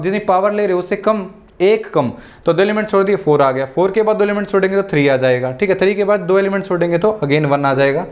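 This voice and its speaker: A man's voice: sits high, muffled recording. A man giving a math lecture in Hindi mixed with English, walking through examples step by step and checking in with "theek hai" and "okay". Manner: steps through examples, repeats "ठीक है" and "okay".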